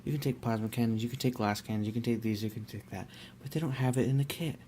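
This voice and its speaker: A young man casually talking through his hobby work, rambling and relaxed with many fillers and restarts. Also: mid-range voice, fast talker, a little hiss or hum. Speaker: miniature painter.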